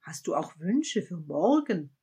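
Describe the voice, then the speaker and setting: A woman voicing a gentle, wise old man in a spoken fable, speaking calmly and with measured patience. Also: on the low side, husky, heavily acted.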